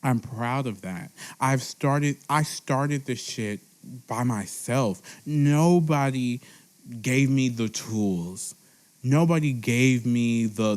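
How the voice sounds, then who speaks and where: Earnest, tipsy young podcast host. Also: male voice, mid-range voice, slow. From Texas. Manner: earnest, heartfelt, repeats phrases. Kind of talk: emotional solo monologue. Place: seated at a table at home.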